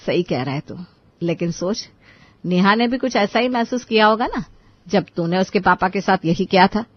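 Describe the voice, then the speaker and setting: A woman voicing a wise, calm middle-aged mother who reasons gently with her son. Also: medium pitch, normal speed, no echo, muffled recording, lightly acted. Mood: gently firm.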